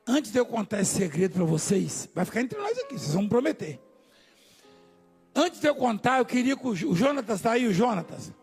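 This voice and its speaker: A Brazilian man preaching a live church sermon, joking with the congregation and swinging from low asides to shouting. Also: big pitch swings, a little fast, vocal fry, faint music behind. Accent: Brazilian Portuguese. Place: large church hall.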